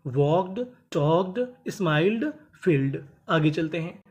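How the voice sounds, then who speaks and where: Teacher spelling out English words slowly. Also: slightly rough. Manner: spells out letters slowly, then repeats each word; drops pitch on the last word of each list. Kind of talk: spelling and phonics lesson.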